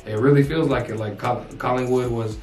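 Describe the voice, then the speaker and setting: A man's voice: medium pitch, steady tone, fairly quick, darkish tone. Rambling young man in an echoey room. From United States. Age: young adult. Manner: rambling, lots of restarts and "like". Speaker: co-host. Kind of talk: casual sports recap chat. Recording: roomy echo, distant mic, faint music.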